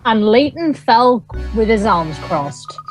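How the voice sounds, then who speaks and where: A woman's voice: fairly high pitch, big pitch swings, slow, faint music behind, rough recording. A woman giving casual side commentary on a video game playthrough.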